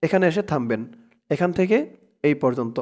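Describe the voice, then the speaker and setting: A man's voice: fairly high pitch, expressive, darkish tone. A Bangladeshi-accented man teaching a prayer by spelling it out letter by letter and drawing out the recited words. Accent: Bangladeshi Bengali. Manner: drawn-out chanted recitation between quick explanations. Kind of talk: slow spelled-out recitation lesson.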